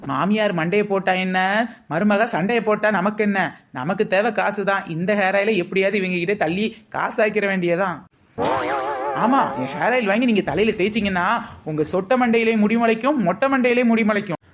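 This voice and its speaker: A woman playing a crafty young village shop girl with a pitch for everything. Her wisecracking sales patter comes, in a mid-range everyday voice for a scripted comedy skit. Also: brisk, a little hiss or hum, natural voice. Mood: sly. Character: scheming young village shop girl selling hair oil. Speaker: shopkeeper.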